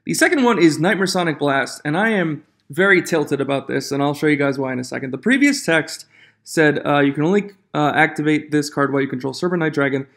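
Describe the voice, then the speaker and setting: A man's voice: fairly high pitch, a little fast, creaky, fairly bright tone. A man hosting an informal, opinionated card game commentary for viewers, his voice echoing in a reverberant room on a makeshift microphone. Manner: informal, opinionated, reads card text aloud. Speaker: YouTube host of a trading card game channel. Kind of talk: casual news commentary to viewers. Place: echoing room outside the usual studio.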